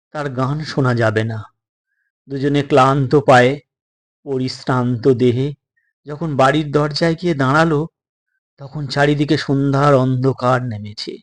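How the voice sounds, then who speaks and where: A man with a fairly high voice narrates a suspense story dramatically and deliberately, splitting sentences into short phrases separated by pauses.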